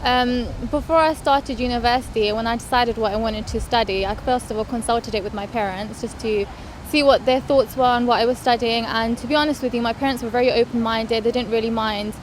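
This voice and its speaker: A woman's voice: fairly high pitch, fairly even intonation, a little fast, slight background noise. A young woman who has just graduated, talking openly in an interview. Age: young adult. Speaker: recent graduate. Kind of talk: casual interview.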